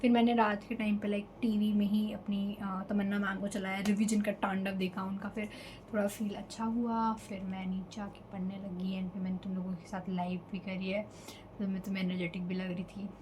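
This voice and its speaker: A woman's voice: medium pitch, level tone, normal speed, background noise. A young woman from Delhi telling an emotional storytime vlog in a casual chatty way, slipping in English fillers. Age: young adult. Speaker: vlogger.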